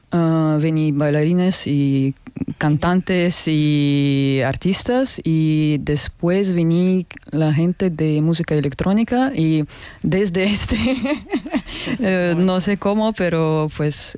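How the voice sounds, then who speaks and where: A woman from North Ossetia, a guest on a radio interview, speaking halting Spanish and searching for words. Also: low-pitched, mellow, clean tone, no echo. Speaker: community founder, guest.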